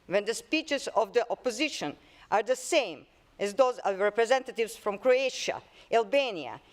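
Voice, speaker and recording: A woman's voice: medium pitch, animated, moderate pace. A woman with a Serbian accent reading a prepared speech as a parliamentarian in an assembly. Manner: reads a prepared statement, occasional restarts.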